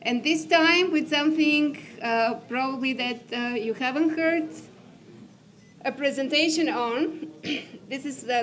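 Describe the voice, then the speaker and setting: A woman from Bulgaria, a dentist giving a conference presentation, hesitant with many fillers and losing her voice as she keeps clearing her throat. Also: high voice, a bit bright.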